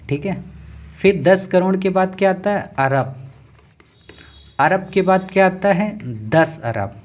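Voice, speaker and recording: Man, maths teacher, lecturing a class, higher voice, asks then answers his own questions. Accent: Hindi.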